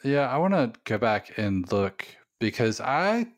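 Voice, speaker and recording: A man co-hosting a podcast, talking in a relaxed, musing way that trails off with fillers. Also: medium pitch, a little slow. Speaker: podcast co-host. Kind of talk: casual chat.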